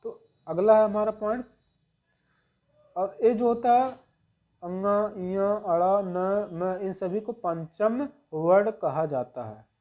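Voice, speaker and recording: A man teaching the Hindi alphabet, slowly sounding out each letter and repeating key points. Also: high-pitched, mellow, highs cut off. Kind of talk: Hindi grammar lesson.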